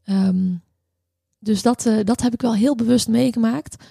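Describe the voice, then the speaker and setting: A woman in her thirties telling a personal story in a halting, reflective way, with many restarts and fillers. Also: on the high side, steady tone, creaky, dark tone, breathy edge, no room sound, clean studio sound.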